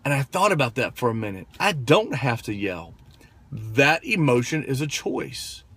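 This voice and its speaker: A man in his thirties talks straight to the camera in a relaxed, chatty way. He tells his story with plenty of fillers and keeps checking in with "right?" His voice sits at an ordinary middle pitch for a man. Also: moderate pace. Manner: conversational, full of fillers and tag questions. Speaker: motivational vlogger. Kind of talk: casual storytelling monologue.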